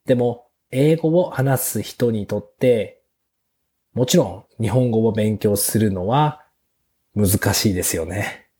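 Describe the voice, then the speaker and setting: A man hosting a beginners' Japanese lesson podcast, speaking slowly and simply with small fillers. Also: lowish voice, dark tone. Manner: slow, clear teacher's delivery with fillers. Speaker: podcast host teaching Japanese.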